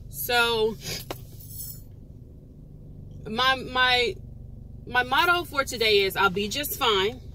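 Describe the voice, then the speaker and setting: A woman's voice: on the high side, slow pace. A woman in her forties giving an earnest, casual motivational talk, repeating her points for emphasis. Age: 40s. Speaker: vlogger. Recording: loud outdoor traffic noise.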